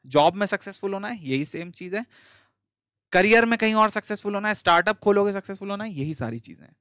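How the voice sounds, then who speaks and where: A man's voice: sits high, expressive, fast talker, sharp tone, dry recording, studio quality. A man, an online teacher giving a motivational talk to exam students in a direct, scolding but friendly way, repeating points for emphasis.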